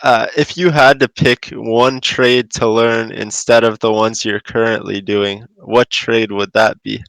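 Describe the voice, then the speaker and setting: A man hosts a podcast, laid-back and easy as he asks his guest questions. His voice has a gravelly edge, and it sounds dry and close, with no room echo. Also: fairly low pitch, level tone, a little slow, fairly bright tone. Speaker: podcast host. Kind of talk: casual chat.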